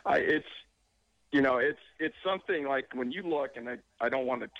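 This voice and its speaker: A man of ordinary, middling pitch speaks as a caller to a talk show. He chats casually and conversationally, giving his opinions unscripted. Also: normal speed, fairly bright tone, no echo, highs cut off. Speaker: radio call-in listener. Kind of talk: casual political chat.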